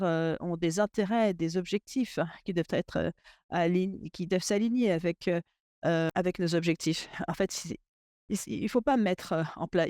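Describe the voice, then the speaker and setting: A man interpreting a webinar panel discussion into French in real time, halting and often restarting his sentences. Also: high-pitched, darkish tone, clean tone, no echo, studio quality. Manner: halting, with frequent restarts and fillers. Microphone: remote webinar audio.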